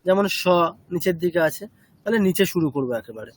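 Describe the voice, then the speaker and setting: High-voiced man teaching chanting. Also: lively intonation, fast, husky. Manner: explains step by step, checking understanding with short questions. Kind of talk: explanatory class on chanting.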